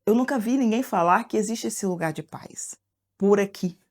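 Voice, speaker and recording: A woman from Brazil giving an emotional, halting personal testimony for a documentary. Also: mid-range voice, darkish tone. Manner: emotional, halting, reenacting what was said. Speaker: documentary interviewee.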